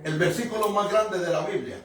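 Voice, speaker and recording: A male pastor preaching a conversational Bible sermon, often chuckling, addressing the congregation and rising to sudden shouts for emphasis. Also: sits high, brisk, distant mic, crowd noise. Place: church sanctuary. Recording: very echoey room, mic from afar.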